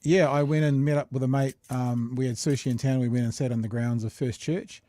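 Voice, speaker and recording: A man's voice: mid-range voice, steady tone, brisk, dark tone, no echo, studio quality. A middle-aged man with a New Zealand accent hosting a casual podcast, chatting in a jokey, rambling, slangy way. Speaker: podcast host. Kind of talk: casual live chat show.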